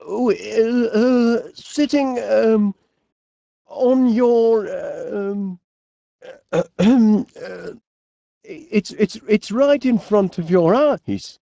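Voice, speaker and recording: Flustered and awkward, this high-voiced male actor plays the well-mannered, clumsy, enthusiastic Northern English inventor, hesitating with old-fashioned courtesy. He speaks extremely slowly in a creaky, exaggerated voice, recorded clean in a studio with no echo.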